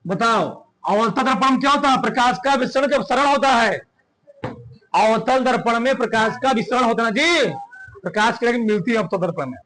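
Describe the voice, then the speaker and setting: A male physics teacher dictating a classroom lecture, repeating phrases slowly and quizzing his students. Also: very high voice, a bit bright.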